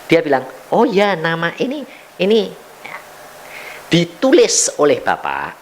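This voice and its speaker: A man's voice: sharp tone, a little hiss or hum. An older man preaching a sermon, telling a story and acting out its dialogue. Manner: storytelling with wide pitch swings and acted-out dialogue. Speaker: evangelist preacher.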